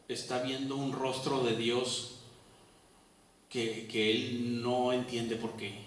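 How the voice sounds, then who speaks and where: A man preaching a sermon, swinging between loud emphasis and quiet, low reading. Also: slight background noise. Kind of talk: expository sermon. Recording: echoey hall, voice from far off.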